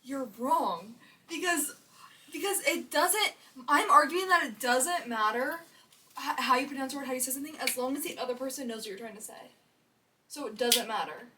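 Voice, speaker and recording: A young woman with a high, bright, sharp voice argues insistently in a casual vlog debate. She sits a little back from the mic, so the sound is somewhat distant. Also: normal speed, a little hiss or hum. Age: young adult. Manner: insistent, argues loudly with emphasis. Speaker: co-host. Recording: voice a bit far from the mic.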